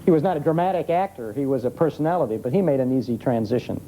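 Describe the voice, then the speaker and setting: An old-time radio expert, an American man, is interviewed live in a television studio with an audience, heard through a noisy vintage broadcast. His mid-range voice is mellow and animated, and he explains things in a rapid-fire yet conversational way.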